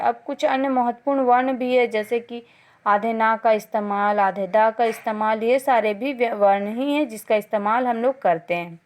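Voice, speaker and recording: A woman school teacher giving an online grammar lesson, patiently explaining and sounding out letters slowly. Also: on the high side.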